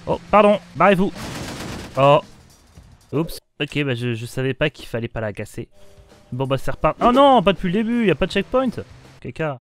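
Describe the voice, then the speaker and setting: A man's voice: fairly high pitch, very animated, moderate pace, long pauses, soft background music. Goofy young man commenting on a game. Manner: goofy, self-mocking, jokes and silly voices. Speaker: gaming video host. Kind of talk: comedic let's play commentary.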